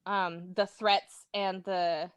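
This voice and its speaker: With a lowish, clear, resonant voice and no echo, she takes things slowly in a level tone. A guest who also listens to the show, she chats casually about games on the podcast, imitating sound effects and little reactions.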